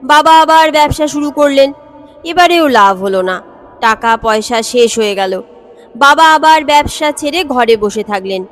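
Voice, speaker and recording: A woman narrating a comic story, with steady storytelling and small pauses. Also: sits high, soft background music. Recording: long hall reverb.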